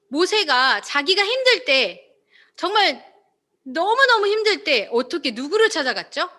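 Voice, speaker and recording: High, lively woman giving a devotional talk. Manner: expressive, asks listeners questions, acts out quotes. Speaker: devotional speaker.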